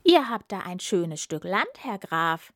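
A woman's voice: on the low side, sing-song, unhurried, fairly bright tone, no room sound, clean studio sound. A woman reading the lines of an astonished, admiring fairy-tale king in a stately, wondering manner.

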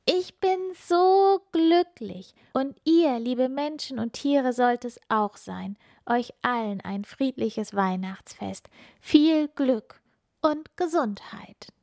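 A woman voicing a bright, eager young girl who is a star child in a children's Christmas story, speaking high and heartfelt. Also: big pitch swings, a little slow, no echo, studio quality. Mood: joyful.

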